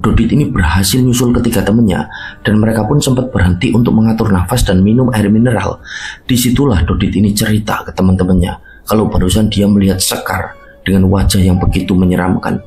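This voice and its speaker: A man's voice: on the low side, gravelly, a little mellow, a little hiss or hum. A man narrating a mountain horror story in a casual spoken storytelling manner.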